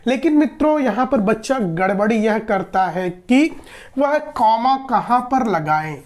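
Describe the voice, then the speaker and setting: A woman's voice: fairly high pitch, lively intonation, unhurried, darkish tone. A woman gives an exam-prep lesson in a slightly raised voice. She explains step by step, restating each point and posing questions she answers herself. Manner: explanatory, repeats and rephrases, asks and answers own questions. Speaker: teacher.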